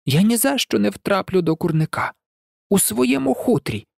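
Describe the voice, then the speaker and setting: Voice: medium pitch, lively intonation, moderate pace, vocal fry, no room sound, studio quality, pitched above the performer's own voice. A reader voicing a sly young fox in a storybook, muttering and plotting to himself. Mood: scheming.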